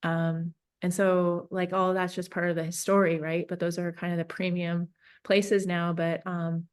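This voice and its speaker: A woman from Northern California, a peacemaker and facilitator, talking through her thoughts in an interview with many pauses and restarts. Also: on the low side, flat delivery, smooth. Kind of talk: reflective interview talk.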